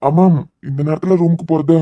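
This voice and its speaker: Woman doing a snappy cartoon elder, kanyakumari slang, fast and dry. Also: sits low, fairly even intonation, dry recording, muffled recording, lightly acted. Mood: stern. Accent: Kanyakumari Tamil. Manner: curt, telling others to shut up. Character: protective elder of the family, stern. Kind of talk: cartoon serial voice acting.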